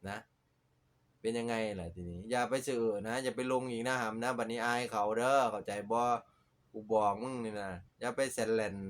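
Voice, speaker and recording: Profane, mocking man. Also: mid-range voice. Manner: scolding, profane, mocking, with frequent fillers and tag words. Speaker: online commentator. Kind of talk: ranting social media commentary.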